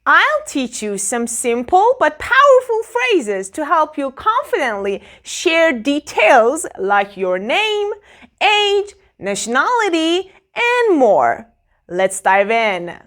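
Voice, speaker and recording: A woman teaching English phrases in a clear, emphatic, sing-song way. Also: sits high, huge pitch swings, takes it slowly, fairly bright tone. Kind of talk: slow instructional explanation.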